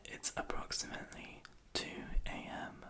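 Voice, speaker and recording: A young adult speaking in a soft, breathy, unvoiced whisper, rambling hesitantly and self-deprecatingly to the viewer in an ASMR style. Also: a little slow. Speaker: ASMR video creator. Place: small room in a house at night.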